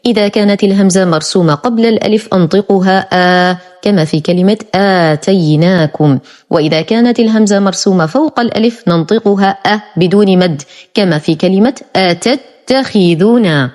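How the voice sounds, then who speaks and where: A woman teaching Quran recitation, explaining errors clearly and slowing down sharply to model each word. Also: mid-range voice, a little mellow. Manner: clear, careful, slows sharply to model words. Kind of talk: instructional explanation with slow drawn-out recited examples.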